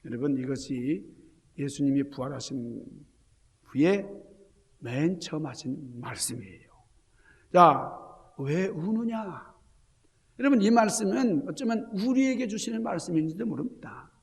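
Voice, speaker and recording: Gravelly pastor preaching in a reverberant sanctuary. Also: male voice, a little high, expressive, moderate pace. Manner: emphatic preaching with rhetorical questions to the congregation; swings between loud exclamations and hushed near-whispers. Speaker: senior pastor. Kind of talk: Easter sermon. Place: church sanctuary.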